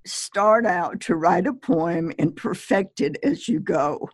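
Guest poet, woman, husky voice, unhurried delivery, dry close sound. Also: fairly low pitch, animated, dry recording. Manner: slow, measured and chatty, with small laughs. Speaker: poet giving advice, podcast guest. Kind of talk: relaxed conversational advice.

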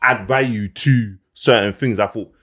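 A man's voice: fairly low pitch, a little slow, pushed and bright. A man with a London roadman accent, hosting a podcast in casual, slangy conversation. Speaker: podcast host.

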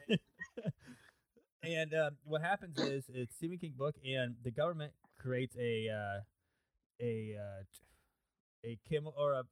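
A man's voice: mid-range voice, no echo. A young man chatting casually as a podcast co-host, rambling through long stories with lots of fillers and frequent laughter. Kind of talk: casual chat.

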